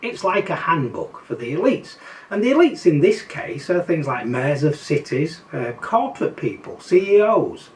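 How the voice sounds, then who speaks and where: An older man with a Yorkshire accent talking casually to his viewers in a wry, skeptical way. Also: on the high side. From Yorkshire, England. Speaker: political commentary vlogger. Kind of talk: casual monologue to camera. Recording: slightly distant mic, faint background noise.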